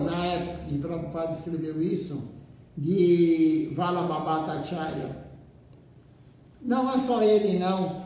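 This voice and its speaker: A man with a high but mellow voice gives a slow devotional talk, stopping and repeating words as he goes. He sounds far from the mic, in a temple hall full of echo. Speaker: temple speaker. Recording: very echoey room, far from mic.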